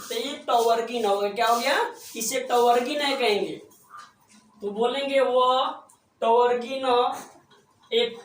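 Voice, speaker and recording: A man's voice: very high voice, a bit bright, slight background noise. A man teaching a class at a board, drilling each point with questions he answers himself. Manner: repetitive, drills with quick self-answered questions. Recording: echoey room, voice far from mic.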